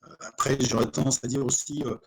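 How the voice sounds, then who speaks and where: A man's voice: medium pitch, fairly even intonation, fairly quick, vocal fry, darkish tone, slightly rough. A man, a novelist being interviewed, speaking hesitantly with many fillers over a voice call, his overloaded microphone clipping and distorting. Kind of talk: casual remote interview. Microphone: computer microphone on a voice call.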